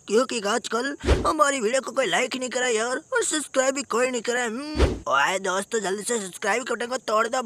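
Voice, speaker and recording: Very high-voiced, bright young man. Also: dry recording. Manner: chatty, slangy, pleading with viewers. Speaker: gaming YouTuber. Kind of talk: playful gaming commentary.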